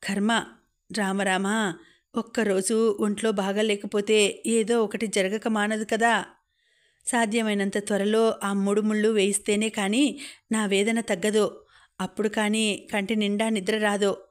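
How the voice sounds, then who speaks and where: Woman doing a sick old mum in a storybook reading, scolding and sighing, pretty flat delivery. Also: mid-range voice, unhurried, natural voice. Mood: weary. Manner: scolding, sighing, weary complaints. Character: ailing elderly mother, anxious and scolding. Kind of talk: audiobook novel reading.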